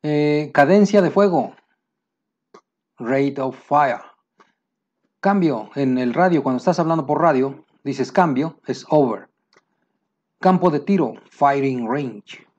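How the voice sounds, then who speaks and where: A man with a Mexican Spanish accent teaching military vocabulary, pausing to say each English term slowly and plainly. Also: fairly high pitch, a little mellow, highs cut off. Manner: explains terms, slows down for English words. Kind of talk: vocabulary lesson.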